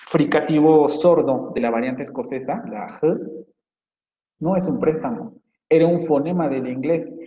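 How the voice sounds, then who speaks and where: A man's voice: medium pitch, dark tone. A male phonetics professor, giving a casual lecture and thinking aloud with frequent fillers and restarts. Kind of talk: university lecture, explaining with examples. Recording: dull, roomy, reverberant lo-fi audio.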